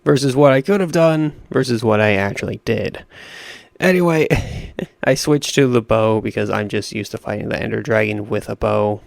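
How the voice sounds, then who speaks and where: A young man with a raspy voice giving rambling, self-deprecating commentary over a video game. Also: on the low side, normal speed, no room sound, clean studio sound. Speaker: gaming YouTuber. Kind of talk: casual gameplay commentary.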